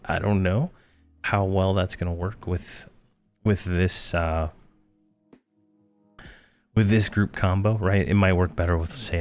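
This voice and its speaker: A man giving casual gameplay commentary, thinking aloud with many fillers, tired and yawning. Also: low voice. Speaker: game guide creator.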